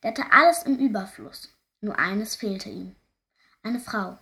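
A woman narrating a folk fairy tale in a lively, expressive way. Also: mid-range voice, a little slow. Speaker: storyteller.

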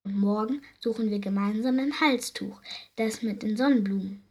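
A woman reading aloud, voicing a gentle, loving mother at bedtime who speaks softly and soothingly, with a breathy voice. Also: medium pitch, normal speed. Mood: tender. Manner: soft, soothing, hushed. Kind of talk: storybook reading.

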